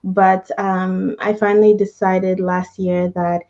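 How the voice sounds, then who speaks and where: Mellow-voiced woman on a muffled call. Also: medium pitch, level tone, slow. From Canada. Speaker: guest, career coach. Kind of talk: conversational interview answers.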